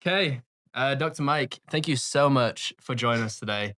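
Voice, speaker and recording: A man's voice: medium pitch, normal speed, fairly bright tone. Eager male podcast host with a mid-range voice. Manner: eager, filler-heavy introduction. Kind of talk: podcast interview.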